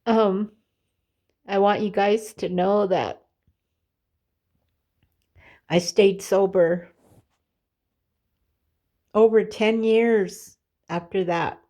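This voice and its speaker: A middle-aged woman telling her personal life story in a candid, confessional way, halting often with fillers and restarts. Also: mid-range voice, steady tone, dark tone. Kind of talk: personal testimony, casual storytelling.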